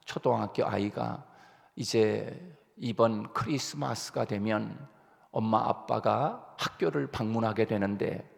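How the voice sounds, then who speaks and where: A man's voice: medium pitch, vocal fry. A male pastor delivering an early-morning sermon, telling a story earnestly and asking the congregation rhetorical questions. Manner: earnest, rising emphasis, frequent hesitations. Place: church sanctuary. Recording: long church reverb.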